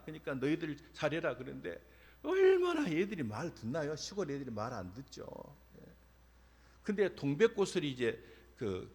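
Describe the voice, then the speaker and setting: Middle-aged man, pastor's sermon, lively swinging pitch, husky voice, long church reverb. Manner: animated storytelling, acts out dialogue. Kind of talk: sermon with personal stories. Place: church sanctuary.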